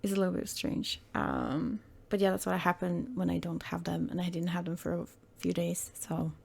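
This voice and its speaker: A woman runs her gaming channel with casual, rambling commentary, her throat hoarse and croaky today. She often hesitates and corrects herself, speaking at a moderate pace in a lowish, steady voice with a darkish tone.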